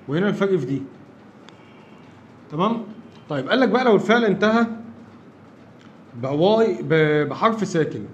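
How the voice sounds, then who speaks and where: A man's voice: high voice, dull audio, a little hiss or hum. A man with an Egyptian Arabic accent teaching an English grammar lesson, explaining step by step and often checking that his listeners follow.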